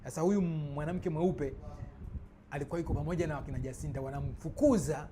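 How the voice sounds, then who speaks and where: Halting man over noisy background. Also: a little high. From Tanzania. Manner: halting, many fillers and restarts. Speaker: vlogger. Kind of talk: casual spoken commentary.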